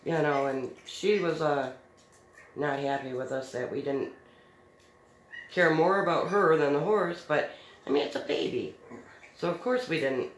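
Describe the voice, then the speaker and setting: A woman's voice: low-pitched, a little slow, long pauses. A middle-aged woman hosting a crafts video, telling a story in a chatty, easygoing way and laughing often. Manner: chatty, laughs easily, many fillers. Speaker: DIY crafts host. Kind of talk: casual storytelling while crafting. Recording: roomy echo with faint noise.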